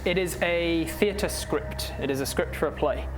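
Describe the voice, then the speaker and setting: A man's voice: on the high side, a little slow, over music, poor audio. A man running a tabletop game as game master, narrating off the cuff and chatting casually, with some swearing.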